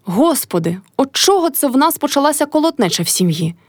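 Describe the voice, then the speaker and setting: Shrill, wailing old village crone, played by a woman, scheming and loud; dry close read. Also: sing-song, fairly quick, no echo. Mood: fretful. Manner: screeching, wailing. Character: shrieking old peasant mother-in-law, quarrelsome, scheming.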